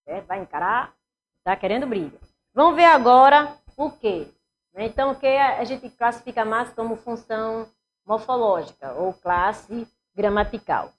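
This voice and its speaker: A woman's voice: on the high side, lively intonation, moderate pace, a little hiss or hum. A woman with a Northeastern Brazilian accent teaching a grammar lesson for exam preparation, asking the class questions and answering them herself.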